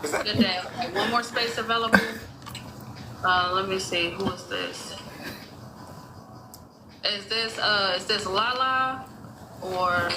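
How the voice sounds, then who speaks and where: A woman hosts a mock courtroom on a live stream as the judge, calling up jurors, keeping order and directing the proceedings. Her medium-pitched voice moves slowly with frequent pauses, picked up by a phone in an echoey, noisy room.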